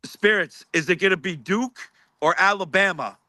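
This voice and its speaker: A man's voice: high-pitched, normal speed, sharp tone, dry recording. A man hosting a live paranormal session, repeatedly asking spirits questions and reporting faint sounds he hears.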